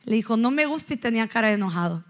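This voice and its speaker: A woman pastor in her thirties preaching in church, telling animated stories and asking the congregation questions. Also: fairly high pitch, rapid-fire. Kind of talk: sermon.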